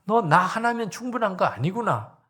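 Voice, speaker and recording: A preacher voicing a stern, hushed God scolding. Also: male voice, high-pitched, big pitch swings, moderate pace, slightly rough, pitched above the performer's own voice, exaggerated voice. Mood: rebuking. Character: stern fatherly God rebuking a pastor.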